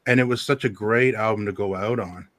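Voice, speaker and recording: A man's voice: lowish voice, brisk, fairly bright tone, no room sound. A man who hosts a radio show, chatting casually and rambling through music picks with lots of ums. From Southern Ontario. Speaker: radio host. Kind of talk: casual livestream chat.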